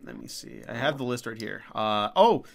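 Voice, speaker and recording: A man's voice: fairly low pitch, wildly swooping pitch, moderate pace, gravelly. A man hosting a podcast, with a stuffy, nasal voice while getting over being sick, talking loosely and swearing. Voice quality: nasal from a cold. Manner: loose, swears and laughs often. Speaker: podcast host. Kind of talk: casual chat.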